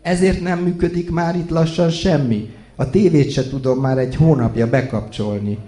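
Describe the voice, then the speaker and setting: A man's voice: on the high side, dark tone, pitched above the performer's own voice, natural voice. A man reading out a kindly elderly aunt, talking in a fussing, raised voice. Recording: echoey room.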